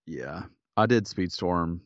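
A man's voice: sits low, expressive, slow pace, no room sound, highs cut off. A man co-hosting a podcast, chatting casually in a laid-back, somewhat tired way. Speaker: podcast co-host. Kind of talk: casual chat.

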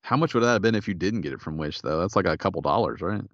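A man's voice: low-pitched, expressive, quick pace, a bit bright, no echo, highs cut off. A man co-hosting a podcast, chatting casually in a laid-back, somewhat tired way. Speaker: podcast co-host. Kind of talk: casual chat.

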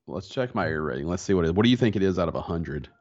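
A man's deep, slightly mellow voice comes out rapid-fire and animated as he co-hosts a podcast in an easygoing, slangy casual chat. A stuffy nose makes him sound a little congested. The lo-fi, dull recording comes from a small home office inside a converted barn.

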